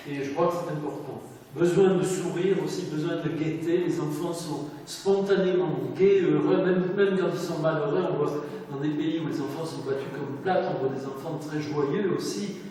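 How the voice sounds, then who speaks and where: A man giving a public lecture in a hall, speaking in a measured way and pausing to search for words. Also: a little high, fairly even intonation, dark tone. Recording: echoey hall from far off, faint hiss.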